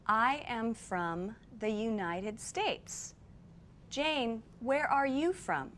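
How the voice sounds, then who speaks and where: A woman teaching a beginner English lesson, with slow, clear, drilled delivery. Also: a little high, expressive, a bit bright, slight background noise.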